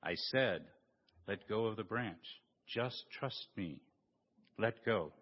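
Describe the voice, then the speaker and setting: A preacher putting on a calm, deep voice of God. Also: male voice, breathy edge, heavily acted. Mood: firm, patient. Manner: low, calm, unhurried. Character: calm, patient God speaking from above. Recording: dull recording with long church reverb.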